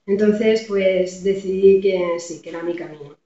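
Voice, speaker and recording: A woman's voice: mid-range voice, steady tone, measured pace, mellow. A middle-aged woman from Madrid with an accent from Spain, telling her story casually as an interview guest, hesitant and giggly. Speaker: interview guest, Buddhist practitioner. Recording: very echoey, distant, muffled microphone.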